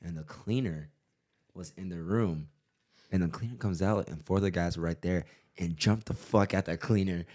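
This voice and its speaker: A very deep-voiced man chatting casually on a podcast. He tells stories with energy and swears freely. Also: moderate pace. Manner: animated storyteller, swears freely. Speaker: podcast co-host. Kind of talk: casual chat.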